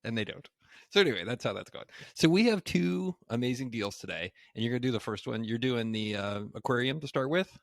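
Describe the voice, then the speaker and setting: A man's voice: mid-range voice, brisk, gravelly, no echo. A man co-hosting a podcast, chatting casually and loosely with lots of fillers. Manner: relaxed, rambling with many fillers. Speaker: podcast co-host.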